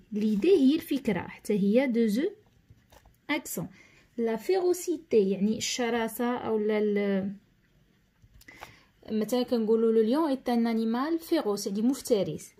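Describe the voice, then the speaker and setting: Patient Moroccan woman teacher, mellow voice. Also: a little high, husky. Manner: patient, step-by-step explaining, repeating key terms; reads instructions slowly and deliberately. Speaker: schoolteacher. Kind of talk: tutorial lesson.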